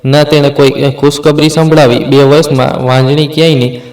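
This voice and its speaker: A man's voice: a little high, level tone, fairly quick, darkish tone, recorded from a distance, lightly acted. A cold, contemptuous mother-in-law from a family storybook, read by a man. Her lines are spoken in a plain narrator's voice. The recording has a roomy echo and sits some way from the mic. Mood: scornful. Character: harsh scornful middle-aged mother-in-law.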